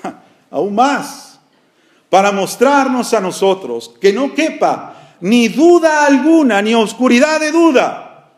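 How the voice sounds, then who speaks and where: Male pastor, middle-aged, high-pitched voice, earnest sermon delivery to the congregation. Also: animated, slow. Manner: earnest preaching, addresses listeners as brothers.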